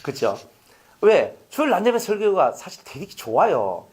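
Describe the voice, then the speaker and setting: A man preaching a sermon, asking the congregation rhetorical questions and swinging from loud to hushed. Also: high-pitched, sing-song, a little slow. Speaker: pastor. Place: church sanctuary.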